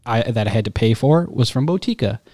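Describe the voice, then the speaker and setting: A man's voice: medium pitch, expressive, fast, mellow, dry recording, clean studio sound. A young man in casual chat, blunt and opinionated, swearing freely.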